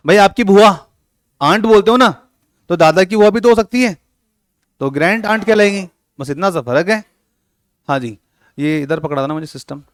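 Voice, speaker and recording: With a voice on the high side, a man leads a coaching class lecture in Hindi-English with a Rajasthani accent. He teases his students and acts out little scenes while explaining, recorded in clean studio sound without echo.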